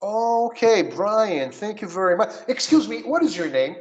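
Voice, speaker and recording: A man from Brazil teaching a one-on-one English lesson, coaching his student and spelling words out slowly. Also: high-pitched, big pitch swings, highs cut off.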